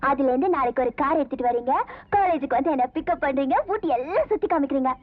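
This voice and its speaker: A woman's voice: high-pitched, expressive, fast talker, dry recording. A coaxing young college girl. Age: young adult. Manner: pleading, wheedling. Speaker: college girl in a film scene. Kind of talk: 1990s film comedy dialogue. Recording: tinny, phone-like film audio.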